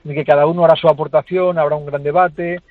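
Road safety expert on a tinny phone line. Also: male voice, on the high side, steady tone, quick pace, no room sound. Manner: assured, explanatory, addresses listeners directly. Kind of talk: radio interview on a phone line. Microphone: telephone.

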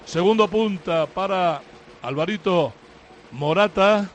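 A man giving an energetic, emphatic team lineup report on live radio. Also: high-pitched, takes it slowly, muffled recording, a little hiss or hum. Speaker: football reporter.

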